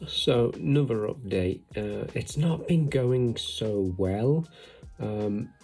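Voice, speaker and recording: A man talking through a hobby challenge in a casual vlog. He sounds relaxed, chatty and self-reflective. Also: mid-range voice, slow, husky, faint music behind. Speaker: hobby vlogger. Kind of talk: casual vlog narration and updates.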